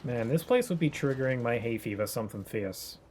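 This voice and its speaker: Young male streamer, loose rambly commentary, mellow voice. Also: mid-range voice, expressive, brisk, a little hiss or hum. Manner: rambling, chatty, laughs often. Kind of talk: casual gameplay commentary.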